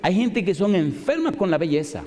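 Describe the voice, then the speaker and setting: A male pastor preaching a sermon, telling a story with animated delivery and rhetorical questions to the congregation. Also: high-pitched, moderate pace. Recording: long reverb of a large hall.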